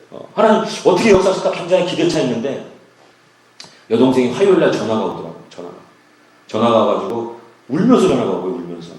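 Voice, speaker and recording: Animated preacher in an echoey hall. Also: male voice, medium pitch, recorded from a distance. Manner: animated storytelling, acting out quoted prayers. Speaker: pastor. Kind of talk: sermon with testimony.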